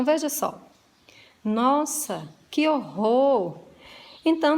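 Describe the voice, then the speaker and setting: A woman teacher talks through a grammar lesson with a fairly high voice. She takes her time, slowly stressing each example phrase for her students. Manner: slow, deliberate explaining with emphatic example phrases. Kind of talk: home-made grammar lesson.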